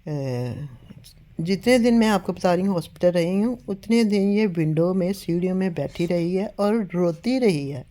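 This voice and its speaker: Weak, unwell older woman, mellow voice. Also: lowish voice, expressive. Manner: earnest, repeats appeals to believe her. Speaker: home vlogger. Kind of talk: casual storytelling to camera. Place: at home.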